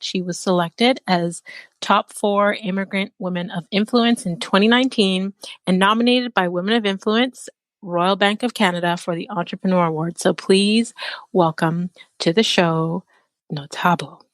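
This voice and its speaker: A woman's voice: mid-range voice, fairly even intonation, normal speed, dry recording. A woman hosting an interview show, upbeat and affirming as she asks questions. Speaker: host.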